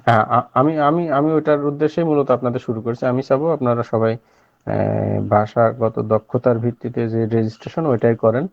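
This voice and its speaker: A man's voice: mid-range voice, steady tone, normal speed, vocal fry, no room sound. A man teaching an online language class at night, explaining patiently with many filler sounds and checking that students follow. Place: home at night. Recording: slightly dull dry audio.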